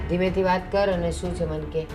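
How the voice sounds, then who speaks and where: A middle-aged woman playing a calm mother who lectures her daughter, in a short film with soft music behind. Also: fairly low pitch, fairly quick, close to an everyday voice. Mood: lecturing.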